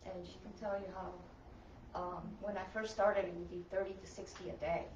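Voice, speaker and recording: A woman's voice: on the low side, flat delivery, normal speed, darkish tone, slight background noise. A woman sharing a personal testimony in a church group, earnest and emphatic. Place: meeting room with folding chairs. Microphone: far camera. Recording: echoey room, distant and dull.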